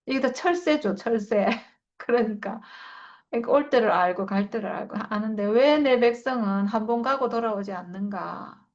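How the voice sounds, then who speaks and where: A woman's voice: on the high side, normal speed. A woman leading a Bible study, reading scripture aloud and reflecting on it in an earnest, emotional way. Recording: dull lo-fi recording.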